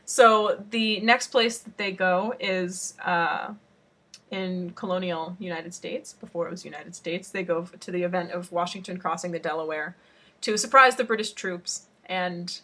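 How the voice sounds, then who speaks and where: A woman's voice: lowish voice, fairly even intonation, measured pace, bright, forceful tone. A woman co-hosting a casual podcast, chatting about a book and thinking aloud with fillers. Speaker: podcast co-host.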